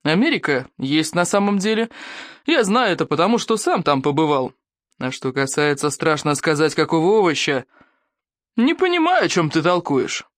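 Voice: medium pitch, big pitch swings, moderate pace, no echo, clean studio sound, natural voice. A reader voicing a hot-tempered, boastful Viking chief in an audiobook, roaring and then forcing himself to be patient. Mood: forcedly patient. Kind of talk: audiobook character voice.

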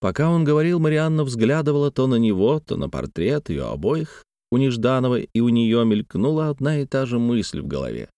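A man narrating a literary audiobook in an even, measured reading. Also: lowish voice, no echo, clean studio sound.

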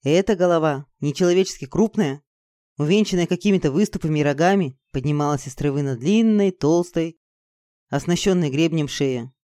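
A woman reading an audiobook aloud in an expressive, measured storytelling manner. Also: low-pitched, no room sound, studio quality. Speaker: audiobook narrator. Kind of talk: scripted narration.

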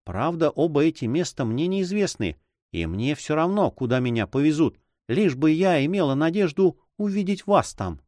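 Audiobook: a hesitant young woman in love, read by a male narrator, lively pitch, dry studio. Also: moderate pace, no room sound. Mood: fearful. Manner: soft, fearful and hesitant. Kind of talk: audiobook reading.

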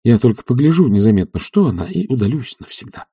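A fretful, idle gentleman, as a male reader plays him, his voice swinging widely as he frets and flares. The tone is mellow with a husky grain. The sound is close and dry, like a storybook reading. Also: mid-range voice, big pitch swings, fast talker, dry recording, far from the mic. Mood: musing. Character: idle, anxious young gentleman, easily exasperated.

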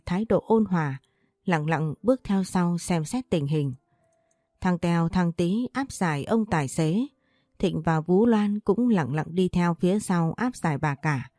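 A woman reading a first-person story aloud as an audiobook narrator, in a steady, even delivery. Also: fairly low pitch, no room sound, studio quality.

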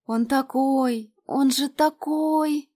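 A lovestruck, dreamy young woman, as a female audiobook reader puts her on, gushing about her idol in bright high tones. She swings from breathy, drawn-out swooning to eager pleading. Her voice sits well above the reader's own and carries extra force. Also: animated.

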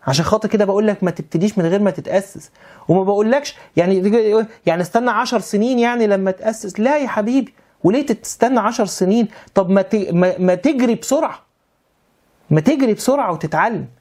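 A man's voice: high-pitched, a little mellow. A man with an Egyptian Arabic accent, preaching in an informal monologue and firing off repeated rhetorical questions with a sarcastic edge.

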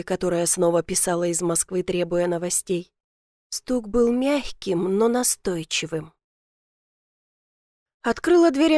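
A woman narrating a first-person novel in measured audiobook style. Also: mid-range voice, a little mellow, no room sound, clean studio sound.

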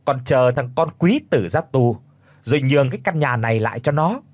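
A man voicing a shrill, spiteful middle-aged daughter-in-law in an audiobook, hissing and scornful. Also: very animated, moderate pace, no echo. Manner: hisses and shrieks, scornful.

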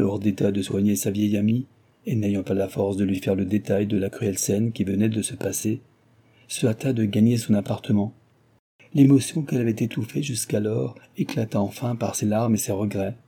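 Deep, husky male audiobook narrator. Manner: measured, even storytelling. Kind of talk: literary audiobook reading.

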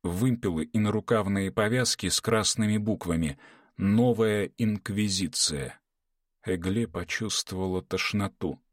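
Guy reading an audiobook, lowish voice, dry close sound, steady dramatic telling. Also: no echo. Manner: measured, dramatic reading, voices characters in dialogue. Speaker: audiobook narrator. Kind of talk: scripted narration with character voices.

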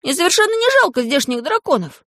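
A woman voicing an eager, excitable young boy who keeps exclaiming and asking questions in a storybook reading. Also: sits high, quick pace, no echo, studio quality, pitched above the performer's own voice.

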